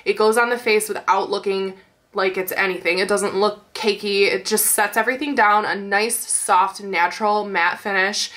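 A woman's voice: medium pitch, steady tone, moderate pace, fairly bright tone. A young woman with a nasal, stuffy-sounding voice, gushing about makeup in a casual chatty video with lots of fillers. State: stuffy nose. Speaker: beauty vlogger. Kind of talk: casual chatty product review.

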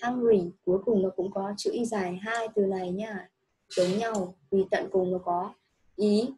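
A woman's voice: mid-range voice, fairly even intonation, measured pace, mellow, a little hiss or hum, low-quality recording. A woman teaching a child English, patient and coaxing, repeating each answer back. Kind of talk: one-on-one children's English lesson.

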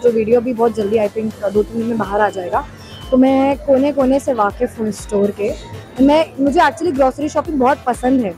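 A woman's voice: high-pitched, darkish tone. A woman guest at a store opening, speaking in a friendly way and switching between Hindi and English. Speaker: guest visitor at store launch. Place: large busy supermarket indoors.

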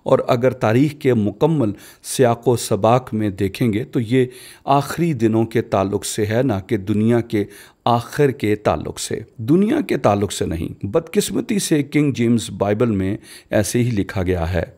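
A man voicing a dubbed sermon, giving a measured, explanatory teaching delivery. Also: fairly low pitch, lively intonation, dark tone. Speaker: preacher voice-over.

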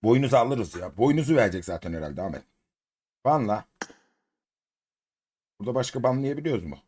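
A Turkish man giving casual commentary while opening crates in a mobile game, excitable, chanting repeated words and coaxing his cat. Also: mid-range voice, a little fast, breathy edge.

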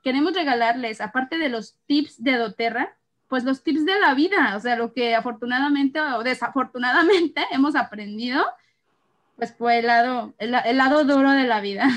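A woman in her thirties with a Mexican accent tells a chaotic family story in casual chat. Her voice sits high, and she talks in an animated way, laughing often as she goes. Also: moderate pace. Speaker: co-host of an essential oils channel. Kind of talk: casual chat between sisters.

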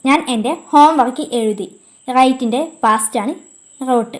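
A woman teaching a grammar lesson from a script, explaining in measured steps and saying English example sentences very slowly. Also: a little high.

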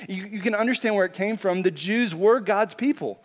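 In a church sanctuary, a male pastor with a high voice preaches briskly and animatedly in a conversational style. He often says "like" and restarts his phrases.

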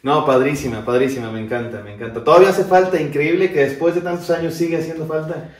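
A young adult man, a pastor, talking quickly and with enthusiasm and then singing with an acoustic guitar in a living room. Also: fairly high pitch. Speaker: pastor and singer-songwriter. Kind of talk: casual introduction and singing with guitar. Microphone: far camera. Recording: echoey room, loud guitar.

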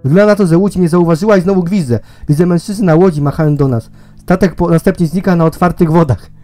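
Mellow young man reading a game. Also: on the high side, quick pace, faint music behind. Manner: reads dialogue aloud, laughs and swears between lines. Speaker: gamer reading a game aloud. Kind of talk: let's play reading with commentary.

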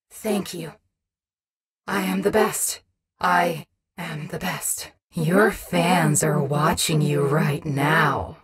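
A woman's voice: fairly low pitch, fairly bright tone. A woman voicing a vain, competitive animatronic wolf rock star in a video game, boastful and taunting, with a menacing and insecure edge. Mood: smug self-admiration. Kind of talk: video game character voice acting.

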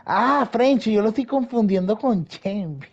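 A man's voice: high voice, lively intonation, measured pace, dull audio. A man chatting casually with teammates during an online game, joking and swearing freely. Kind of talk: casual gaming voice chat.

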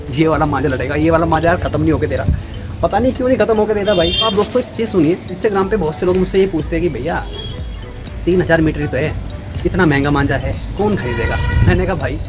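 A young man talks quickly to his camera from an open rooftop. His voice sits a bit high, and he keeps checking in with his viewers as he goes. Clear music plays under him. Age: young adult. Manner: chatty, keeps saying "friends" and "okay?". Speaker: kite-flying vlogger. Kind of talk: casual demo and live commentary.

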